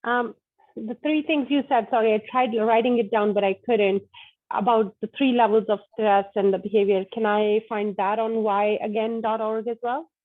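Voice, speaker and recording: A woman's voice: on the high side, steady tone, moderate pace. Woman on a tinny call line. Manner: hesitant, apologetic. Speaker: participant asking a question. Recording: tinny phone-like call audio.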